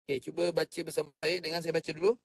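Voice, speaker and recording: A man teaching Quran recitation. He explains each point calmly and sings the verses in a drawn-out chant for students to copy. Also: a little high, vocal fry, dry recording. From Malaysia. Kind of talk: slow patient recitation lesson. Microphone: online class microphone.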